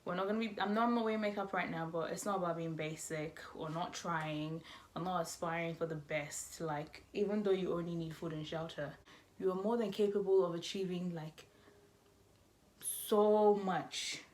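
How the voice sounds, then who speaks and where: A woman's voice: on the low side, steady tone, moderate pace, darkish tone. A woman in her twenties talking casually to camera as a vlogger, chatty and rambling, correcting herself as she goes. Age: 20s. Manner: chatty, rambling, self-correcting, laughing asides.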